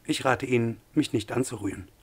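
A man voicing a curt, defiant young male worker with a husky voice. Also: medium pitch, brisk, natural voice.

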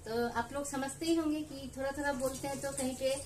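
A high-pitched woman with a Bengali accent chats homely and casually as she cooks in her kitchen for a vlog. Her speech has small slips, and a faint hum sits under the recording. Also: fairly even intonation, brisk, darkish tone. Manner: chatty, homely, with slight slips in Hindi. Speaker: home cooking vlogger. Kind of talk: casual cooking vlog narration. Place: home kitchen.

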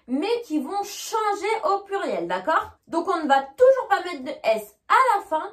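A woman teaching an English grammar lesson, explaining clearly and repeating points, slowing down on each example sentence. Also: sits high, a bit bright, echoey room.

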